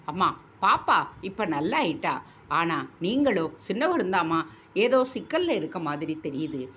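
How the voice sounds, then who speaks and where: A woman voicing an anxious, loyal woman servant who pleads quickly. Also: on the low side, big pitch swings, fairly bright tone, slight background noise. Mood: worried. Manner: pleading, fast-talking.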